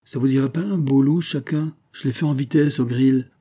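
A man's voice: medium pitch, steady tone, normal speed, mellow, slightly rough, voice pushed up, natural voice. A man voicing a hospitable old uncle who offers drinks and food in a hearty, jovial way.

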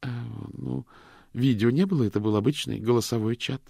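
A man voicing a talkative, anxious woman on the phone who chatters in a high voice and drops to whispers. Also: fairly quick, gravelly, dark tone, husky, no echo, clean studio sound. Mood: flustered.

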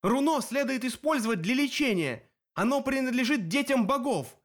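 A man's voice: sits high, sing-song, brisk, pitched above the performer's own voice. A man doing a defiant teenage boy hero. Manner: shouting, urgent. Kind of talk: audiobook character voicing.

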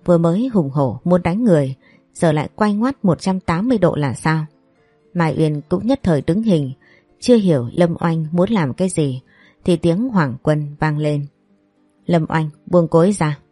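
Low-voiced woman narrating a story. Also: animated, normal speed, mellow, slightly rough, no room sound, faint music behind.

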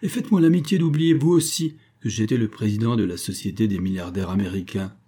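A man voicing a remorseful, courtly older billionaire who speaks formally, in a low, husky voice. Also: quick pace, dark tone. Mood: jovial. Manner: formal, contrite.

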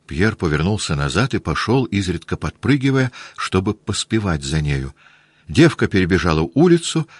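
A man narrating a classic novel in a steady, measured reading. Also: low voice, no room sound, studio quality. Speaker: audiobook narrator.

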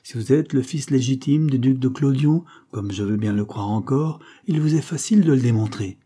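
A man voicing an indignant elderly nobleman in a read-aloud historical novel, shouting in anger. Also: mid-range voice, normal speed, husky, voice pushed up, lightly acted. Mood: stern. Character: furious elderly nobleman, proud uncle.

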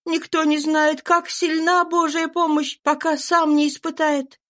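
A woman reading an audiobook voices a desperate young runaway mother, speaking high, fervent and pleading. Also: level tone, unhurried, fairly bright tone. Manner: pleading, fervent, trembling with urgency.

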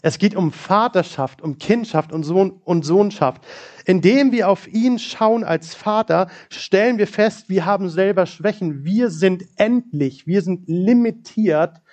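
Middle-aged male preacher, fairly high voice, personal storytelling sermon. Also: unhurried, darkish tone.

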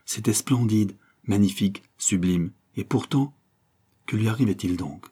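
A man narrating a classic novel as an audiobook, measured and expressive. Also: lowish voice, husky. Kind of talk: scripted literary narration.

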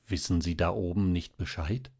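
A man voicing an earnest, mysterious young man who speaks softly and persuasively, in an audiobook reading. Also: low-pitched, steady tone, normal speed, vocal fry, slightly rough, full character voice. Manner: soft, pleading, then serious.

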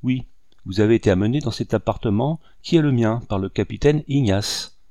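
Guy reading as sweet young wife, soft and coaxing, low dark voice, dry sound. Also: a little fast, dry recording, natural voice. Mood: tender. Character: gentle young married woman, kindly host.

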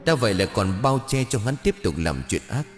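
A man's voice: on the low side, big pitch swings, a little fast, in a large hall, soft background music. A man voicing the vengeful ghost of a young woman, bitter and grieving, spitting out harsh words in an audio ghost story. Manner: harsh, spits words one by one.

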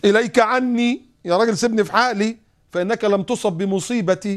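A man's voice: a little fast, close to an everyday voice. A preacher voicing a grieving woman who cries at a grave and snaps at a stranger. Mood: distraught. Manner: shrill and distraught.

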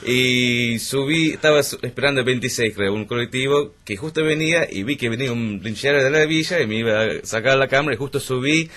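Heard first is a man from England, a native English speaker, who chats easily as a radio guest in a studio. He spins his anecdotes with dry humor and stops to restart his sentences now and then. His voice sits at an ordinary middle pitch for a man. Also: fairly quick, few pauses, fairly bright tone. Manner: wry, joking storyteller with hesitant restarts. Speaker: guest writer. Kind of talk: casual radio interview chat.

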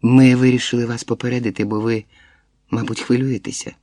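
Man doing a shifty guy at the door, fake calm, placating, warm low tone. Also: fairly quick, no echo, clean studio sound, close to an everyday voice. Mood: falsely calm. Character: evasive male stranger at the door.

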